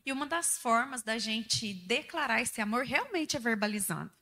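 Direct female teacher with a bright, high voice and a touch of fry, emphatic and blunt. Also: animated, normal speed. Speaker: church speaker on parenting. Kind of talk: conversational teaching talk.

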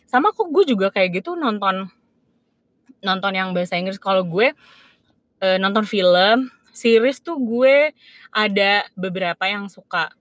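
A woman's voice: medium pitch, measured pace, pauses often, no room sound. A young woman from Indonesia chatting casually, often agreeing and telling a travel story. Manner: relaxed, agreeable, many affirmations. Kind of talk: casual chat.

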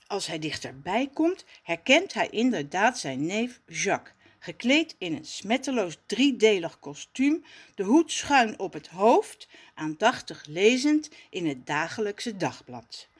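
A woman reading a children's story aloud in a gentle, expressive storytelling manner. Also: medium pitch, measured pace, slightly rough. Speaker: storybook reader.

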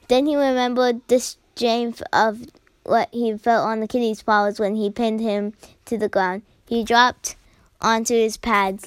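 A woman's voice: on the high side, smooth, no echo. A woman reading a novel aloud, often stumbling and restarting words, adding jokey side comments. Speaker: reader.

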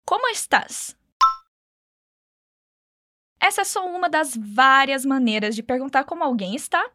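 Woman language teacher, bright high voice, dry studio sound, patient and encouraging. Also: dry recording. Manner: patient, encouraging, models phrases for repetition. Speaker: Spanish teacher. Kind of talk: language lesson narration.

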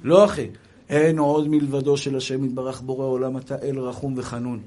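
A man's voice: mid-range voice, level tone, mellow. A man giving a religious lecture, telling stories emphatically and calling his listeners brothers. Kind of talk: Hebrew sermon with anecdotes.

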